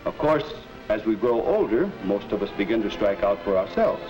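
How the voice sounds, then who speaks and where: Animated 1950s narrator schoolteacher. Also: male voice, on the low side, faint music behind, rough recording. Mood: instructive. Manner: didactic, measured 1950s narrator delivery. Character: kindly, instructive male schoolteacher in a 1950s film. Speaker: teacher advising a student. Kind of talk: 1950s educational film narration and acting. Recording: hissy old 1950s film soundtrack.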